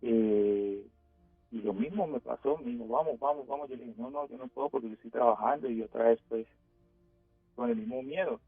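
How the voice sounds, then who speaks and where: A man calling in to a radio show, telling a frightening story of his own in a hesitant way, with many pauses. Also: mid-range voice, creaky, breathy edge, faint music behind. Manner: hesitant, full of pauses and fillers. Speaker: caller. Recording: dry tinny phone line.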